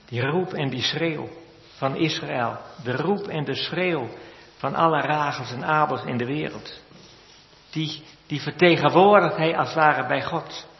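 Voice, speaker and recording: A man preaching a sermon in a church, slow and measured with solemn repetitions. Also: a little high, creaky. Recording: echoey church hall, lo-fi sound.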